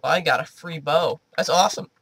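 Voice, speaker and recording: A man's voice: fairly high pitch, a little fast, fairly bright tone, slight background noise. A man doing let's play commentary, jumpy and chatty, talking to the creatures in his game. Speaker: gaming video host.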